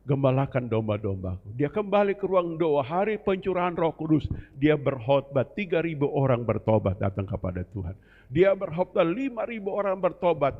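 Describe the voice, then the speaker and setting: A man preaching to his congregation in a fairly high voice, pushing his listeners and calling for amen. The sound is dull and muffled, with a long reverb from a church hall. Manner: exhorting, calls congregation for amen. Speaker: pastor. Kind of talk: sermon.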